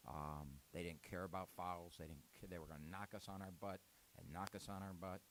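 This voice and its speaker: A man's voice: low voice, steady tone, fairly quick, noisy background. A man speaking as a head basketball coach at a post-game press conference, rambling and candid with frequent restarts.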